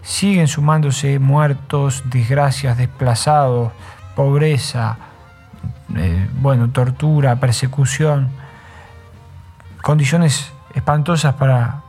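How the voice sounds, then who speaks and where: A man hosting a radio show, giving unhurried, reflective commentary between songs and often ending thoughts with a tag question. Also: medium pitch, fairly even intonation, a little mellow, slightly rough, faint music behind. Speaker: radio host.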